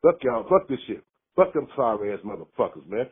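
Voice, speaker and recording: A man's voice: mid-range voice, sing-song, a little fast, husky. A man from Mississippi, calling in to a sports show and ranting angrily, swearing hard. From Mississippi, USA. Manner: angry, profane, fired-up ranting. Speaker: caller. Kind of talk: call-in sports rant. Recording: phone line.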